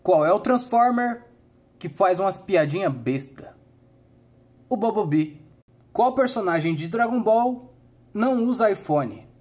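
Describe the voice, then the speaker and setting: Husky Brazilian man telling dad jokes. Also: high voice, lively intonation, unhurried, pauses often, a little mellow. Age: young adult. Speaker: comedy channel host. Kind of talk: telling dad jokes, riddle setup and punchline.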